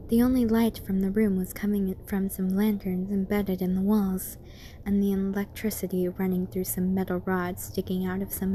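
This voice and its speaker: A woman's voice: medium pitch, warm tone, a little hiss or hum. A woman reading scripted horror fan fiction as a story narrator.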